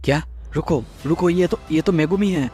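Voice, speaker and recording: A man's voice: medium pitch, flat delivery, extremely slow, soft background music. Man voicing a desperate young woman. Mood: shocked.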